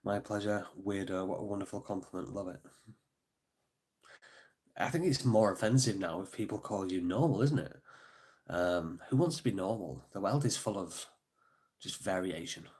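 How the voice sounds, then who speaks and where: Here the host's voice is low and a little mellow, moving at a moderate pace with long pauses. He's a middle-aged man on a relaxed live stream, stuffy and sniffly, saying plenty of ums while thanking individual viewers.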